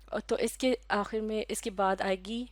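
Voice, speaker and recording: A woman teaching English pronunciation step by step, in a measured, methodical way that pauses to correct herself. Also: medium pitch, steady tone, no echo. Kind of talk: explanatory lesson on phonetics.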